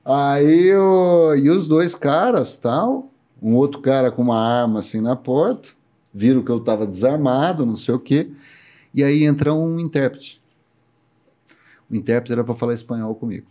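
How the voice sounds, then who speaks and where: Speaking at medium pitch and normal speed, a middle-aged man from Brazil chats as a podcast guest in a casual conversation. He has a Brazilian Portuguese accent and tells his story animatedly, laughing frequently.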